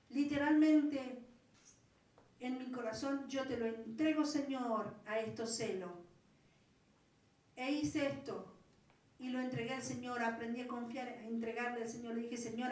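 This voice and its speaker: A middle-aged woman pastor with an Argentine accent, preaching a fervent Pentecostal sermon that swells into loud pleas. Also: on the high side. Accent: Argentine Spanish. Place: large church hall. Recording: very echoey hall, voice from far off.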